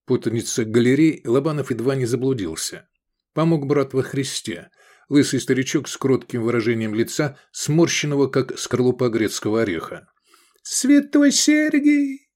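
A man's voice: medium pitch, moderate pace. A man narrating an adventure novel aloud as an audiobook, switching into voices for the characters. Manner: lively storytelling, voices the characters. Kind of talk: scripted narration.

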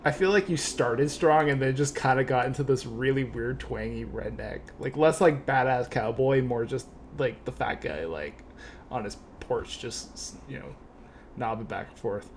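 A man hosts a podcast in a loose, joking chat, reading listener emails aloud between quips. His voice sits at an ordinary middle pitch. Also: normal speed, a little hiss or hum. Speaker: podcast host. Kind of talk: casual comedic podcast chat.

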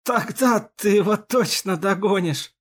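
A man voicing a dying young Komsomol organizer, badly wounded, gasping and pleading slowly. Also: high-pitched, husky, voice pushed up. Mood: pained pleading. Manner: slow, strained, pleading. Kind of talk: audiobook character voice.

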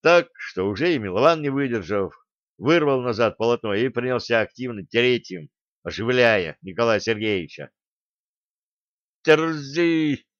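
A man reading an audiobook in a steady storytelling voice. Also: mid-range voice, moderate pace, no room sound. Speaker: audiobook narrator. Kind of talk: audiobook narration. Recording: dull dry recording.

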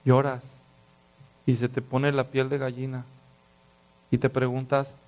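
A man preaching a sermon, telling stories with lively acted voices and dropping to hushed, serious tones. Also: mid-range voice, unhurried. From Mexico. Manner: animated storytelling, acts out voices, drops to hushed tones. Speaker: pastor.

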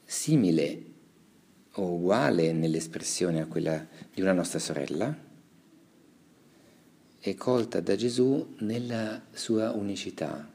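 A deep-voiced man delivers a quiet, reflective homily as a priest. His tone is dark and mellow with a gravelly edge. He reads scripture and comments on it at a measured pace, pausing and restarting his phrases as he goes. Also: lively intonation. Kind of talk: reflective homily with Gospel reading.

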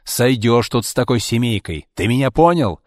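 A man voicing a furious, domineering middle-aged father who shouts harshly. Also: deep voice, moderate pace, no room sound, clean studio sound, natural voice. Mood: raging. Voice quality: bellowing, harsh.

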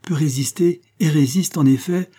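A man giving a measured, dramatic scripted narration of an adventure audiobook. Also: on the high side, mellow.

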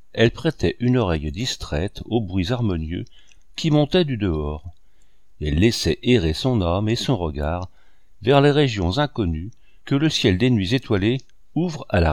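A man reads a classic novel aloud in an expressive storytelling manner. His voice sits low, and his pitch moves a lot from line to line. The recording is dry and close. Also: no echo. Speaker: audiobook reader. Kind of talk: scripted narration of a novel.

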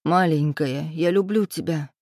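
An audiobook reader voicing a desperate man pleading with the woman he loves, in a low, urgent tone close to the reader's own voice. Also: measured pace, a little mellow, dry recording.

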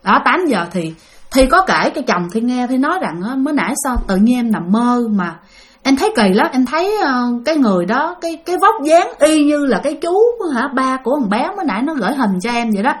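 A woman tells a spooky personal story in a casual, chatty way. Her voice sits high and moves a great deal, and she speaks of herself by name while talking straight to her listeners. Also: a little fast. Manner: animated, talks about herself in the third person, addresses listeners directly.

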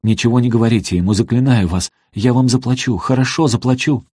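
A man's voice: low voice, brisk, mellow, breathy edge, no room sound, studio quality. A man reading an audiobook, voicing a frightened wealthy wife who pleads desperately. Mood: pleading.

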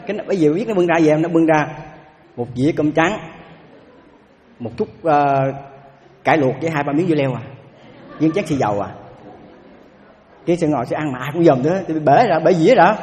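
A man, a Buddhist monk giving a dharma talk in an animated storytelling way, often repeating words and asking his listeners questions. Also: fairly high pitch, fast talker, pauses often, in a large hall. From south-central Vietnam. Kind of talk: dharma talk with personal anecdotes.

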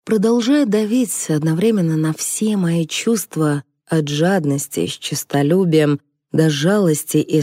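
Slow, mellow woman narrating. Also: lowish voice, no echo, clean studio sound. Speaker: audiobook narrator. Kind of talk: first-person audiobook narration.

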